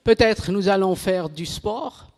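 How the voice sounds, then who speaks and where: At a conference, a woman delivers a measured, unhurried talk in French, which is her second language, occasionally stumbling, restarting and correcting herself. Her voice is mid-range, and the hall around her adds a long reverb.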